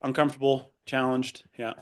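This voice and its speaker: Here a young man raised in Argentina, a native Spanish speaker, talks fairly quickly with a mid-range, flat delivery. It's casual interview conversation on a podcast, thoughtful but crowded with fillers and false starts.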